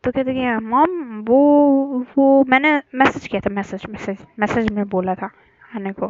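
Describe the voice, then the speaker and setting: A woman's voice: high voice, normal speed, dull audio. A woman casually telling a serialized love story, chatty and hesitant with fillers, lightly voicing the characters' lines.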